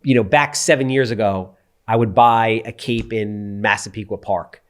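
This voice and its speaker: A man's voice: fairly low pitch, fairly even intonation, moderate pace. A man who hosts a podcast and invests in real estate. He talks casually and animatedly, swearing now and then and acting out what others said.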